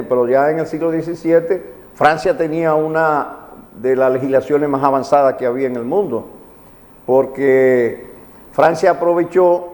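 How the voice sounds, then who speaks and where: His voice fairly high and slightly mellow, a Dominican magistrate with a Caribbean Spanish accent lays out legal matters in a teaching style on a television programme, going back over his key points. The recording echoes as if in a hall.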